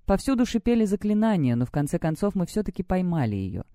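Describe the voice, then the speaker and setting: Woman reading a story in a mellow voice. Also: fairly low pitch, quick pace, no room sound, clean studio sound. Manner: even storytelling in first person. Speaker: audiobook reader. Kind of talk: scripted narration.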